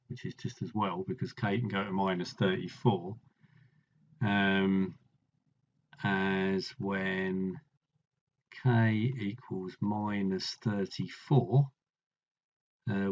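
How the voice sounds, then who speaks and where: A man with a lowish voice talks himself slowly through a maths problem, musing, pausing and trailing off as he thinks. The sound is dull and lo-fi. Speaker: maths tutor working through an exam problem. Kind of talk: thinking aloud while solving a maths problem.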